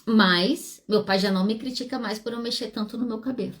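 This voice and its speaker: A woman, hosting a solo podcast as a psychologist, speaking frankly and animatedly with wide swings in pitch. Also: fairly quick. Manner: frank and self-deprecating.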